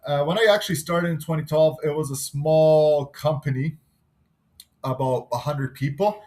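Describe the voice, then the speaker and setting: Relaxed man in his thirties presenting live. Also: fairly high pitch. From Canada. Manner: relaxed, unscripted, pauses while working on screen. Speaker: engineer presenting a class assignment. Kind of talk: live screen-recorded class presentation.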